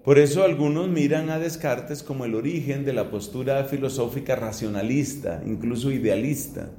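A middle-aged man from Colombia, a priest, giving a philosophy lecture in a slow, deliberate way with rising emphasis. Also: medium pitch, dark tone. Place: classroom or hall. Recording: echoey room.

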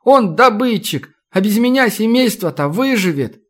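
A man's voice: sits high, expressive, normal speed, a bit bright, pitched above the performer's own voice. A man voicing a frightened, sniffling teenage boy from a swamp village who speaks in rustic folk dialect. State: tearful, sniffling.

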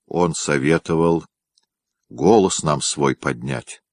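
Man doing a worried boyar plotting in hushed tones, low and slow. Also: no echo. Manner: hushed, measured.

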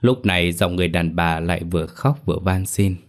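A man reading a horror story aloud as a storyteller, in a measured, slow manner. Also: sits low. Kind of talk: scripted horror story narration.

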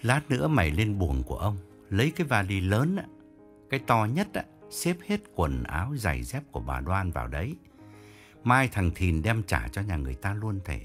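A man doing a gruff, commanding old master. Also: sits low, wildly swooping pitch, normal speed, soft background music, voice pushed down. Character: older man, grieving head of household, firm.

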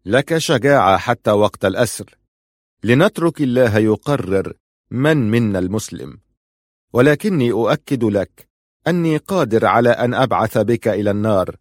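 A man's voice: fairly low pitch, expressive, dry recording, studio quality. A man playing a trembling captive begging for life. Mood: pleading, frightened. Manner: pleading and rushed.

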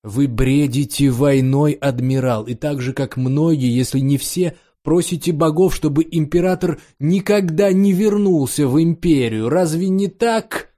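A man's voice: on the high side, measured pace, few pauses, warm tone, lightly acted. A male narrator voicing a defiant young duke in an audiobook, speaking with accusing indignation. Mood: heated.

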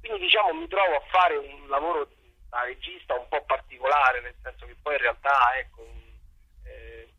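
A middle-aged man, a guest theatre director, talks conversationally in an interview in a medium-pitched, sharp, breathy voice at a moderate pace. He sounds hesitant and reflective, repeating words as he searches for the right phrasing. The recording quality is low.

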